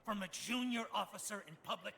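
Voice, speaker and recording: A man's voice: high-pitched, takes it slowly, vocal fry, sharp tone, big-room sound, a little hiss or hum, full character voice. An actor playing an arrogant, furious army colonel in a video game, haughty and accusing as he barks orders.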